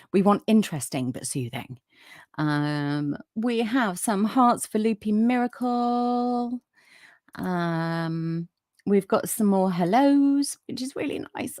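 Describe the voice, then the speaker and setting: In a mid-range, soothing voice, a woman hosting a casual livestream podcast chats with viewers and reads their comments, warm and full of fillers. The studio recording is clean, with no room sound.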